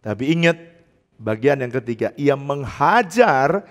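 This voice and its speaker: An older man preaching a sermon as pastor, laughing often and swinging between loud outbursts and hushed, low passages. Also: very animated, measured pace, muffled recording. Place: church, online service.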